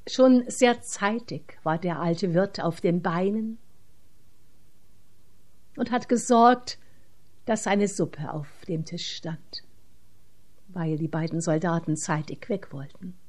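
A woman's voice: on the low side, slow pace, pauses often, darkish tone. A woman reading a religious story aloud, often dropping into an unvoiced whisper.

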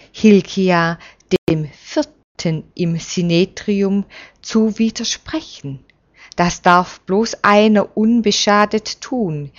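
A woman narrating a story, reading in a calm, deliberate way. Her delivery is very slow, and her voice sits on the lower side. The recording is dull and lo-fi. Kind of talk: read-aloud story narration.

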